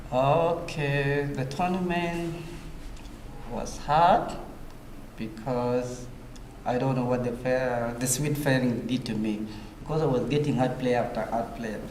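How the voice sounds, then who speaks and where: A man, a chess player, answering interview questions in plain, somewhat halting phrases. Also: medium pitch, fairly even intonation, a little mellow. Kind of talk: post-round interview answers. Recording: echoey room with faint noise.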